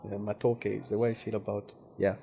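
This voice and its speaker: With a Ugandan accent, this man from Western Uganda talks as a guest journalist in a casual interview, often repeating words while reaching for the right one. His voice is lowish, warm and slightly rough, a little fast, with little pitch movement.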